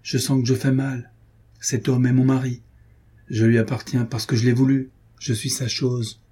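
A man's voice: mid-range voice, flat delivery, normal speed, dark tone, breathy edge, close to an everyday voice. A man voicing a frail, devoted young duchess in an audiobook, speaking in a pleading, heartfelt way. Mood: tender, troubled. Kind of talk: audiobook character reading.

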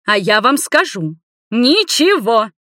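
A woman voicing a loud, domineering grandmother over eighty who scolds her family in a commanding, reproachful way. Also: on the high side, very animated, normal speed, no room sound, studio quality, pitched above the performer's own voice. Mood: indignant.

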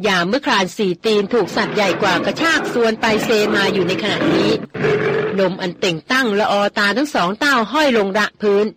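A woman narrating a novel in an even, measured reading. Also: medium pitch, very noisy. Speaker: audiobook narrator.

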